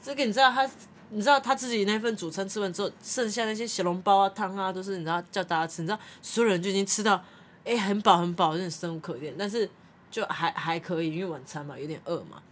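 A young woman, co-hosting a casual chat and telling animated stories with lots of laughter. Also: mid-range voice, fast. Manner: animated anecdotes with frequent laughter. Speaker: podcast co-host.

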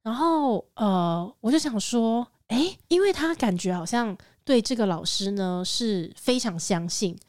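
Woman, podcast co-host, from Taiwan, chatty storyteller, middle pitch, dry close sound. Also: animated, unhurried, few pauses, a little mellow, dry recording. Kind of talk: casual chat.

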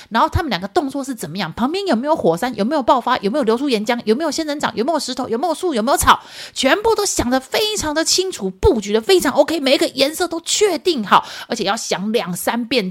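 A woman, hosting a casual parenting podcast and retelling, step by step, how she talked a problem through with her child. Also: fairly low pitch. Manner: recounts conversations, quoting herself and her child; patient, explaining step by step. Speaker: podcast host.

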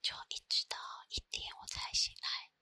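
A woman with a Taiwanese Mandarin accent tells personal stories in a soft, breathy ASMR whisper close to the microphone, unhurried and with pauses. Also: no room sound. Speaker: ASMR creator. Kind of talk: whispered ASMR storytelling, chatty.

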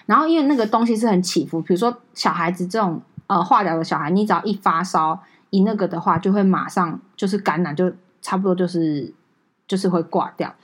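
A woman with a Taiwanese Mandarin accent, co-hosting a podcast and telling a story in an animated, emotional way with many fillers. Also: on the low side, fairly quick. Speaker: podcast co-host. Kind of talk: casual storytelling chat.

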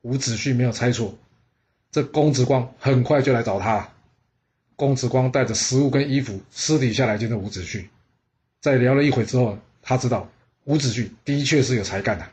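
A man's voice: medium pitch, a little fast, darkish tone. Man narrating history stories casually. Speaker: storyteller. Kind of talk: scripted history storytelling.

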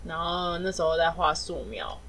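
Bright, lively young woman co-host. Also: fairly low pitch, normal speed. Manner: reactive listener, laughs and teases. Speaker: podcast co-host. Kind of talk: casual chat.

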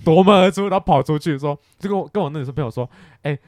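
A man chatting on a podcast, jokey and lively, swearing casually as he tells stories. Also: a little high, rapid-fire, no echo, clean studio sound. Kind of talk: casual podcast chat, storytelling.

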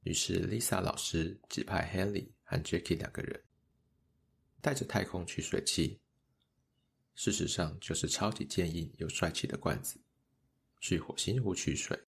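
A man narrating a children's story in a gentle, measured way. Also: deep voice, creaky, breathy edge.

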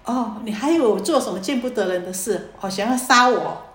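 Woman as an indignant wife, scolding, louder and higher, roomy echo. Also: lively intonation, moderate pace. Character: indignant loyal wife scolding her husband.

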